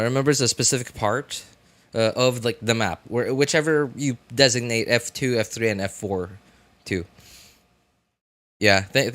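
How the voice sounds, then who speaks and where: This is a casual livestream: a game streamer talks loosely as he plays, meandering and often groping for words. He has a medium, slightly bright voice, and the game's music and sound effects are audible behind him.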